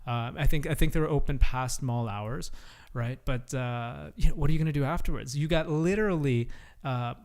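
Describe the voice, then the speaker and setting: A man's voice: medium pitch, moderate pace, darkish tone. A man co-hosting a casual podcast chat, rambling and tagging his sentences with "right?". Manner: rambling, many fillers and "right?" tags. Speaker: podcast co-host.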